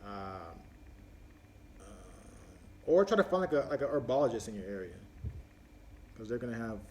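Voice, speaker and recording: A man's voice: mid-range voice, sing-song, normal speed, darkish tone, slight background noise. Rambling man hosting a live Q&A. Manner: rambling, with many fillers and restarts; answers viewer questions as they come in. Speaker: host of a live viewer Q&A. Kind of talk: casual live-stream chat.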